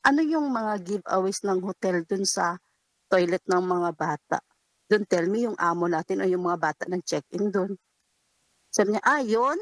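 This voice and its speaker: A woman's voice: medium pitch, moderate pace, rough recording. Woman caller spilling a confession. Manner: rambling, retells dialogue, nervous laughs. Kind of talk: confessional storytelling on a call-in radio show.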